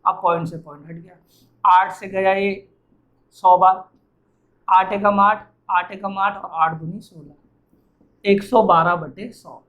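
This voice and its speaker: A man's voice: sits high, steady tone, takes it slowly, pauses often, fairly bright tone, dull audio. A man teaching arithmetic who asks and answers his own questions as he works through each problem, sounding tired. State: tired and sweaty. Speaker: math teacher. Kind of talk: explaining math problems while writing.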